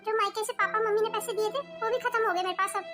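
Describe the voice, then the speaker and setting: A woman's voice: very high-pitched, steady tone, quick pace, sharp tone, soft background music. A woman voicing a firm, outspoken young wife in a cartoon family drama. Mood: worried. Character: defiant young village-bred wife. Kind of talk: cartoon voice acting.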